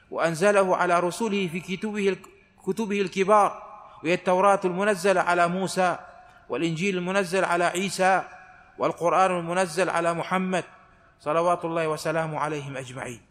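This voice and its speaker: Man, religious teacher, slow deliberate verse recitation, slightly high voice, long hall reverb. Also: fairly even intonation, fairly bright tone. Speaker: Islamic scholar giving Quran commentary. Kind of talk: religious lesson, measured tafsir reading.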